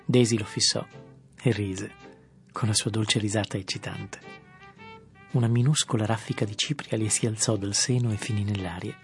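Low-voiced man narrating an audiobook. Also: steady tone, moderate pace, faint music behind.

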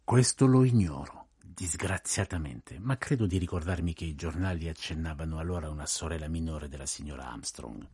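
An actor playing a precise, courteous older detective in a radio play, telling events in a measured, grave way. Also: male voice, extremely low pitch, lively intonation, darkish tone, slightly rough, full character voice.

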